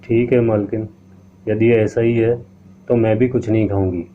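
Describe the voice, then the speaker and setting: A man's voice: on the low side, steady tone, normal speed, close to an everyday voice. Sly sweet-talking maid, guy doing her, coaxing, tinny hissy audio. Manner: coaxing and wheedling. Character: fawning sly female maid. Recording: tinny lo-fi line with faint hiss.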